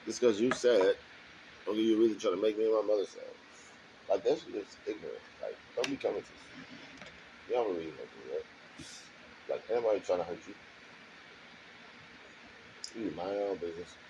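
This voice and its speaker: A man's voice: fairly low pitch, brisk, long pauses, noisy background. A man talking alone in a garage in a rambling, defensive monologue, circling back to the same points and checking in with the listener again and again. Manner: defensive, repetitive, keeps asking "you know what I'm saying". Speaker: vlogger.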